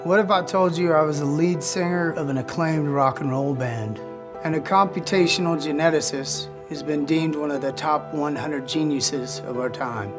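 A man speaks a scripted trailer line, earnest and declarative. His voice sits slightly high. Music plays clearly behind him. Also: normal speed.

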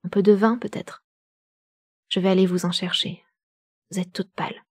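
A woman voicing a proud young gentleman, speaking in a gentle, solicitous way. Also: medium pitch, steady tone, normal speed, breathy edge, no room sound, studio quality, close to an everyday voice. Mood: concerned.

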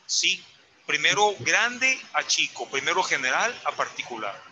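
A man's voice: on the high side, big pitch swings, a little slow, crowd noise, rough recording. A man teaching a Mandarin lesson, patiently correcting a student's tones step by step. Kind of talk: online language lesson.

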